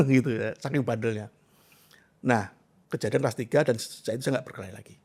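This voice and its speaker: Husky and mid-range, this middle-aged man's voice moves a little fast as he sits as a guest in a conversational interview. A self-transformation coach, he's an expressive, animated storyteller who shares personal anecdotes and stresses points in emphatic lists.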